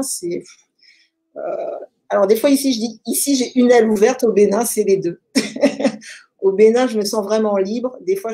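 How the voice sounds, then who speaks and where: A woman with a French accent answers an interviewer at length in a relaxed, storytelling way. Her voice is mellow and slightly husky, with an ordinary middle pitch. She thinks aloud, filling pauses with soft hesitations. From France. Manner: reflective, animated storytelling with many fillers. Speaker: interview guest. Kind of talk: casual conversational storytelling.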